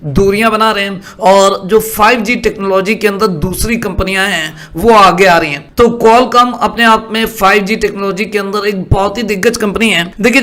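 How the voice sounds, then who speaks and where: High-pitched male market commentator, patient explainer tone. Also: fairly bright tone. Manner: explanatory, asks "are you following me" often. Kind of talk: screen-share market commentary.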